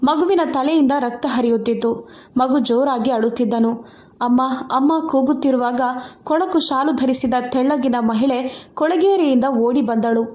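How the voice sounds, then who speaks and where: Woman, high voice, storyteller, earnest steady narration, echoey room. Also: moderate pace. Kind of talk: scripted narration of an emotional moral story.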